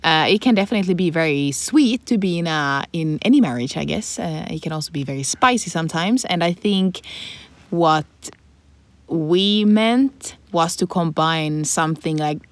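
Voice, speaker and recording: Low-voiced Swedish-speaking Finnish woman. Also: expressive, no room sound. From Finland. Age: 20s. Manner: chatty, laughs often, pauses with fillers. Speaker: podcast co-host. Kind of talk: casual chat.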